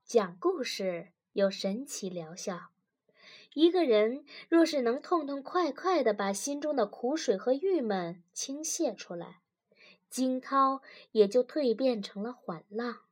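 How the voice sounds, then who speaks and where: A woman reading a story aloud in scripted narration, expressive, with wry asides. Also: fairly high pitch, slow.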